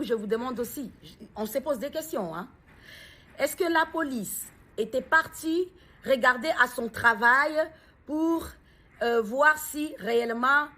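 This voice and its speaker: This grieving mother's voice runs high, bright and slightly rough, with a forceful tone. Speaking out in her own video, she begins haltingly, groping for words, and then pushes earnest questions.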